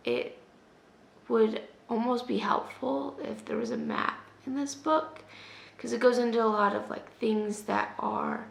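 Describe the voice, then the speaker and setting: A young woman chatting casually in a reading vlog, sick and losing her voice, often dropping to a soft half-whisper. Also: a little high, steady tone, measured pace, gravelly, echoey room. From US West Coast. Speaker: book vlogger. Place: at home.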